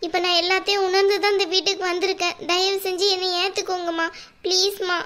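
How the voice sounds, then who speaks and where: A woman's voice: very high-pitched, flat delivery, fast, fairly bright tone. A woman voicing a remorseful younger sister in a cartoon, pleading and apologetic. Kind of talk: cartoon voice acting.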